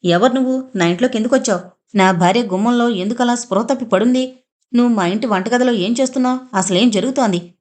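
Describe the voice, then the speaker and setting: A woman's voice: fairly high pitch, fairly quick, lightly acted. A woman voicing a frightened, angry young husband in an audio novel, talking in an agitated, demanding way.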